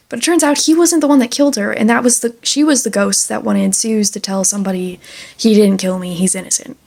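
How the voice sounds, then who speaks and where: A woman's voice: a little high, gravelly, darkish tone. A woman talking through a book in a casual review vlog, chatty and enthusiastic with lots of fillers.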